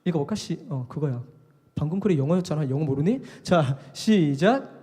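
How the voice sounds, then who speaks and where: A man preaching a live sermon at a worship service, animated and conversational, acting out the voices of others. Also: fairly high pitch, moderate pace, husky. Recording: long hall reverb.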